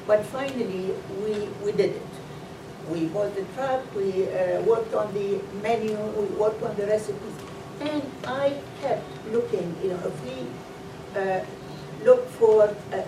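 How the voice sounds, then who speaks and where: A middle-aged Iraqi woman who co-owns a food truck tells her family's cooking story as a guest on a panel, speaking slowly and haltingly with many fillers at a medium pitch. The recording is roomy, with a distant mic and loud background ambience.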